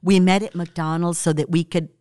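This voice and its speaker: A woman's voice: fairly low pitch, steady tone, normal speed, darkish tone, no room sound. A woman, telling the story of her life in an interview and laughing often.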